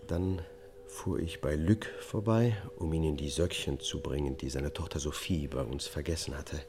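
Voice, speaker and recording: In a radio drama, an actor with a rumbling low voice plays a subdued, haunted man on trial for killing his family. He testifies in a measured, matter-of-fact way.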